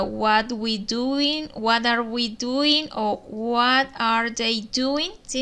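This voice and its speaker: A young woman teaching English grammar to students, explaining each rule step by step and reading her example phrases slowly and carefully. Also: on the high side, bright, forceful tone.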